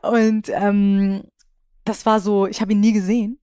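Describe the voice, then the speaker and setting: A woman's voice: medium pitch, flat delivery, measured pace, warm tone, smooth, dry recording. A woman hosting a podcast, chatting casually and openly, with frequent restarts and laughs. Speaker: podcast host. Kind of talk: casual chat.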